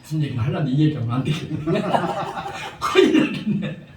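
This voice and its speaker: This male pastor's voice sits on the high side, animated and at a moderate pace, with background noise audible. He preaches a revival sermon, spinning humorous tales with chuckles and emphatic repetition, recorded from afar in an echoey prayer-house hall.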